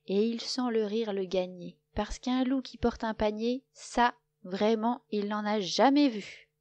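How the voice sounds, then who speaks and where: A woman narrating a children's story in a gentle, expressive way. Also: medium pitch, a little slow, lo-fi sound.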